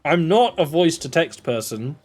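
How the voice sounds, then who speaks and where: This clip has a young man from southern England giving casual commentary on a video game stream, expressive and at normal speed with a breathy edge. He rambles and chats, pitch jumping suddenly, while faint music plays in the background.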